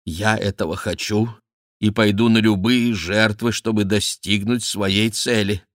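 A man voicing an aging, scheming queen mother who pleads with her son in a raised, drawn-out way. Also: on the low side, fairly even intonation, no echo, studio quality, lightly acted. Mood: imploring.

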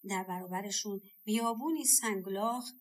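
A woman narrating a folk tale audiobook in a measured, gentle way. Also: mid-range voice. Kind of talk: storybook narration.

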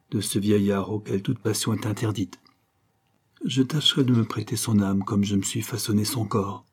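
Anguished but resolute young aristocrat, read by a man: low, husky, dark. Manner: sorrowful yet determined. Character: anguished young nobleman hiding his love, resolute.

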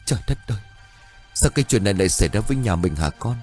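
A man voicing a distraught elderly village widow who cries out in a high, shrill, wailing way. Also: animated, rapid-fire, darkish tone, soft background music, natural voice.

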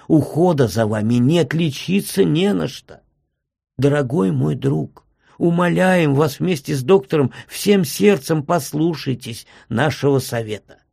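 A tender older postmaster from a classic story pleads in a low, hushed voice, as a male reader puts him on. The voice is gravelly and husky. The recording is close and dry. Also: no room sound, full character voice. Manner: soft, whispering, pleading.

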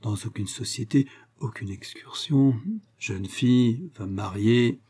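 A man putting on a haughty matron, each word stressed with emphasis in a dark, husky voice. Affected and full of her own importance. A storybook reading. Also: medium pitch, moderate pace, lightly acted. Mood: pompous. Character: pompous self-important married woman.

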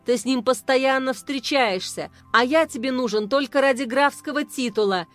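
Lady reading a jealous husband, curt, accusing, still her own highish voice. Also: moderate pace, soft background music, natural voice. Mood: bitter. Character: jealous, bitter young husband, a count.

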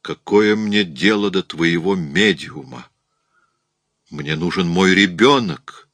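A man reading the voice of a hoarse, obsessed middle-aged woman who is desperate for her lost child, in an audiobook. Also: deep voice, animated, slow pace, a bit bright, no room sound, heavily acted. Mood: frenzied. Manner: fervent, possessive, raised voice. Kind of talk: audiobook character voice.

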